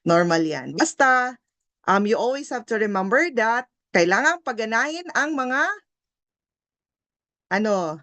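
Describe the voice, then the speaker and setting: A woman's voice: medium pitch, fairly bright tone, no room sound. A Filipino woman with a Filipino accent coaching an online review class, encouraging, mixing Filipino and English and often ending with tag questions.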